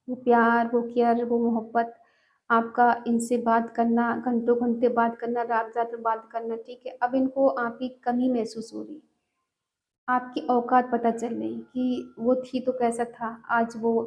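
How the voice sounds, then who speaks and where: A woman's voice: on the high side, warm tone, highs cut off. A woman giving a collective tarot love reading in an earnest, repetitive way, often checking in with the listener. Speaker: tarot reader.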